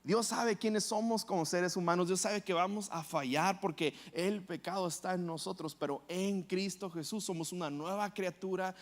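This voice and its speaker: A man's voice: high-pitched, steady tone, normal speed, hardly any pauses. A man preaching a sermon as pastor, telling a story and acting out the quoted lines.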